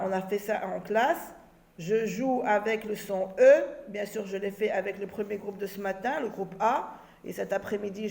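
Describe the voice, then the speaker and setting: A woman teacher giving a phonics lesson, repeating each sound and word slowly and with emphasis. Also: mid-range voice, creaky, a little mellow. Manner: slow, drawn-out, emphatic repetition of sounds and words. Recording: echoey room.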